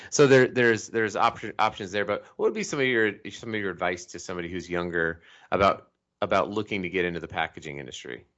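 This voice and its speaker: Deep-voiced man hosting on a call. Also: fast talker, fairly bright tone, lo-fi sound. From Colorado, United States. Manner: upbeat, rambling, with self-corrections. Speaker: podcast host. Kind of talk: casual interview talk over a call.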